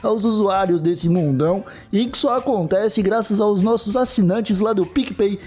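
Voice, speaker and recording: A Brazilian man with a raspy smoker's voice, hosting a casual podcast with playful, irreverent, slangy banter. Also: high-pitched, normal speed, a little mellow. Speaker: podcast host.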